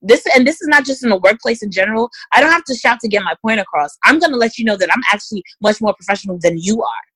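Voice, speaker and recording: In a conversational interview, a woman gives direct, emphatic career advice straight to her listeners, calling them "guys" and "ladies." Her voice is fairly high and expressive, with a bright, breathy edge, and she talks fast with hardly any pauses. The recording is dry with no room sound, but the audio quality is poor.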